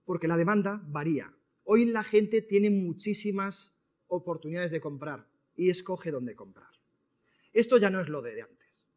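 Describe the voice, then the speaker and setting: Spanish man lecturing entrepreneurs, lively. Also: high-pitched, unhurried. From Spain. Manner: lively, questions the audience directly. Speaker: speaker at a business talk. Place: seminar room.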